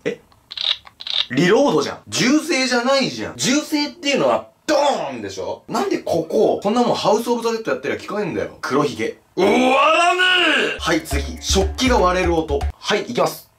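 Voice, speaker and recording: A young man hosts a comedy video in excitable casual chat. His voice sits a little high and swings widely. Clear music plays behind him. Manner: excitable, quick swings in pitch, joking complaints.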